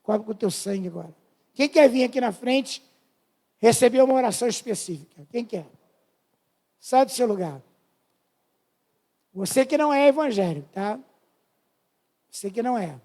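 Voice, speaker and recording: High-voiced fervent preacher in his fifties. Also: animated, moderate pace, pauses often, a little mellow. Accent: Brazilian Portuguese. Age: 50s. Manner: fervent, pleading with the congregation. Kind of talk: sermon testimony.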